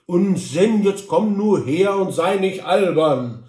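A man's voice: high voice, animated, slow, mellow, reverberant, far from the mic, pitched above the performer's own voice. A man voicing a jovial, teasing, stout frontiersman with an Altenburg accent, hearty and coaxing. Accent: Altenburg dialect.

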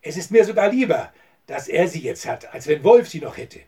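A man's voice: fairly high pitch, sing-song, moderate pace, mellow, slightly rough, distant mic, full character voice. A man reading the part of a scheming, hot-tempered male oil swindler in an audiobook, talking agitated and bitter. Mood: relieved.

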